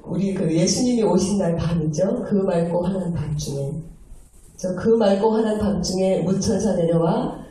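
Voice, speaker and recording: Woman preacher, soft dark tone, storytelling sermon, distant mic in a big echoey church. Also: fairly low pitch, moderate pace. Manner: storytelling, acting out tender quoted voices. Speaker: junior pastor. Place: large church sanctuary. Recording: echoey hall, voice from far off.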